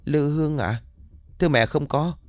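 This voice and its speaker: A man's voice: on the high side, moderate pace, no echo, voice pushed up, lightly acted. A man voicing a timid, dutiful young daughter who answers politely and deferentially.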